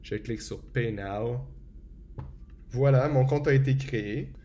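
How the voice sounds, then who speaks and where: Mellow-voiced man explaining. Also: mid-range voice, unhurried. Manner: relaxed and explanatory, frequent hesitations. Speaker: tutorial presenter. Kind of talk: screen-recorded software tutorial.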